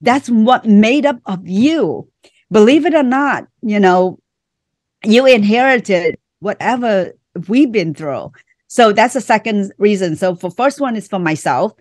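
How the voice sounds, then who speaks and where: A woman's voice: mid-range voice, lively intonation, measured pace, a little mellow, dry recording, clean studio sound. A middle-aged woman from Vietnam with a Vietnamese accent, speaking earnestly in short phrases as an author being interviewed on a podcast. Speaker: author and guest.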